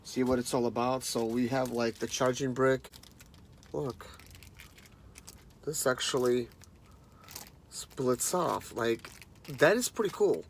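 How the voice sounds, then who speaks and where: This unboxing video features a man in his thirties reviewing a product in a relaxed, conversational way and calling his audience "guys." He speaks slowly in a mid-range voice with long pauses, over a slight hiss or hum.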